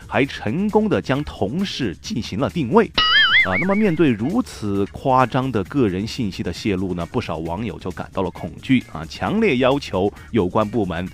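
一位带四川口音的男主持人，用口语化、调侃式的新闻播报腔讲幽默时事评论。. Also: male voice, mid-range voice. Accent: Sichuan. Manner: colloquial, joking, mock-newscaster delivery. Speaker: host of a comic news show. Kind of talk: humorous news commentary in Sichuan dialect.

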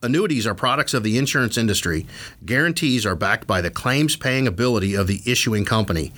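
A man reads a scripted legal disclaimer as an announcer, in a formal, measured, matter-of-fact manner. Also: on the low side, expressive, a bit bright.

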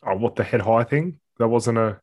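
A man's voice: medium pitch, moderate pace, darkish tone. An Australian man giving blunt, sweary opinions as a panellist in casual sports chat. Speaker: podcast panellist.

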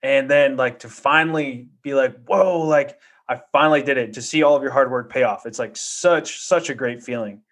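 A man hosting a casual interview, supportive and agreeable, with frequent backchannel words and relaxed follow-up questions. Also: medium pitch, brisk, few pauses. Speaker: interview host.

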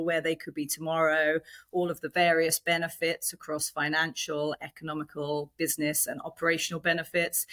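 A woman speaks as a podcast guest, explaining business matters in a conversational way. Her voice is low for a woman, with a bright, forceful edge. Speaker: podcast guest, department head at a tech company.

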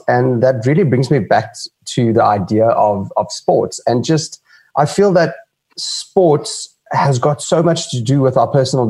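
A man's voice: mid-range voice, creaky, a little mellow, slightly rough. A man hosting an interview, asking questions in an encouraging, hesitant way. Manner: encouraging, hesitant phrasing with fillers. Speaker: interviewer host. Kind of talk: conversational interview.

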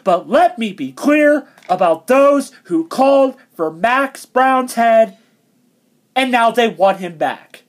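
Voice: medium pitch, expressive, slow pace. A fan ranting in exasperated, sarcastic commentary, tripping over words.

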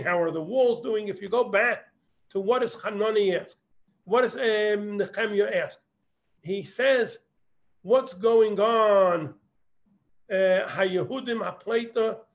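A man teaching a Torah text, reading Hebrew phrases and translating them. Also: high voice. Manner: explains verse by verse, quoting Hebrew then translating. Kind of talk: text study lesson.

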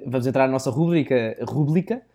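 A man's voice: medium pitch, a little fast, mellow. A young man with a European Portuguese accent, co-hosting a casual podcast with joking, teasing banter. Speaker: podcast co-host.

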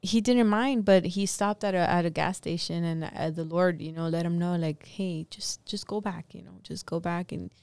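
A woman hosts a casual conversation and tells a story with animated energy, slipping into the quoted lines. Her voice is smooth and clean. The sound is close and dry. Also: fairly low pitch, moderate pace, hardly any pauses, dry recording. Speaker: host.

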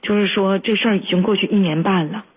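A woman with a Northeastern Chinese accent hosts a call-in advice show. She lectures her caller bluntly, like a scolding older sister. Her voice is husky, and it comes through a thin, narrow, phone-like radio sound. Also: mid-range voice, fairly even intonation, fast talker.

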